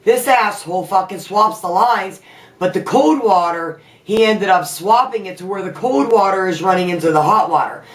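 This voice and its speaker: A woman's voice: mid-range voice, normal speed, recorded from a distance. A woman vlogger venting angrily from her house, swearing often as she rants. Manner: profane, heated ranting. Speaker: vlogger and makeup artist. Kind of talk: angry venting vlog. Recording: echoey room, away from the mic.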